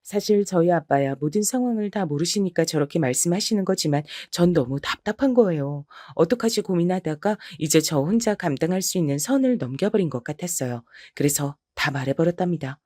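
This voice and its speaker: Woman reading a sad family story, low voice, dry close mic, confiding. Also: expressive, a little fast, few pauses, mellow, no echo. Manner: confiding, first-person storytelling. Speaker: story narrator. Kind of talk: scripted narration of a listener's story.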